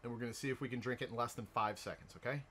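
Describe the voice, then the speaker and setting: A man's voice: mid-range voice, steady tone, racing, very noisy. An American man chatting casually on a livestream, rowdy and jokey, swearing freely. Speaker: live streamer. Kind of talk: casual, profane livestream chat.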